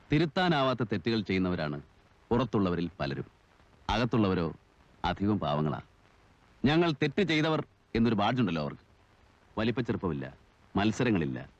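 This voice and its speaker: An actor playing a calm, reflective writer serving a prison term, in a 1980s film. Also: male voice, low voice, no echo. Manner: measured, reflective. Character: calm, world-weary writer in prison, a man. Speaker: imprisoned writer. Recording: dull old film sound.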